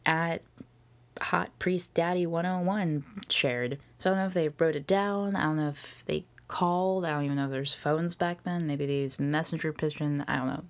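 A woman hosting a podcast, telling a history story in a casual, jokey way with swearing and quick whispered asides. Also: low-pitched, gravelly. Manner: chatty with frequent fillers and whispered asides. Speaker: podcast host.

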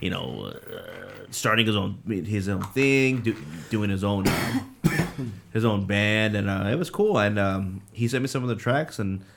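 A man in his late twenties talks casually as a band's drummer, circling his point with fillers and restarts. His voice sits a bit low. The talk runs loose and unhurried. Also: animated, vocal fry, fairly bright tone. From Southern California. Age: late 20s. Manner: rambling, filler-heavy, restarts often. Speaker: drummer in a band. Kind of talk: casual interview chat.

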